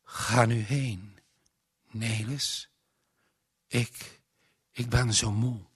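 A man voicing a frail, dying old gentleman who speaks slowly and tenderly, giving a pious blessing in solemn biblical language. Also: mid-range voice, fairly even intonation, breathy edge, no room sound, studio quality, full character voice. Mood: weary blessing. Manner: slow, weary, blessing in solemn biblical phrasing.

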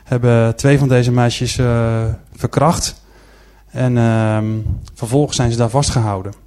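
A man's voice: medium pitch, fairly even intonation, measured pace, darkish tone. Hesitant man telling a story to an audience. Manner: hesitant, frequent filler sounds; earnest storytelling. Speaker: speaker presenting to an audience. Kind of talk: church-style presentation with slides.

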